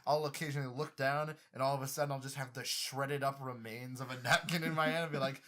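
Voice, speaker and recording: A man's voice: mid-range voice, steady tone, fast talker, crowd noise. A young man co-hosting a casual chat among friends, rambling, self-mocking and laughing often. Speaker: podcast co-host.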